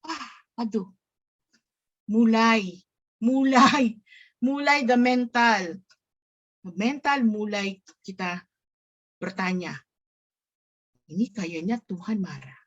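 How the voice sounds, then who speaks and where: A middle-aged woman giving a lively church talk, telling funny stories, acting out the people in them, and slipping English phrases in. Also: a little high, slow, pauses often, highs cut off, a little hiss or hum. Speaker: church speaker.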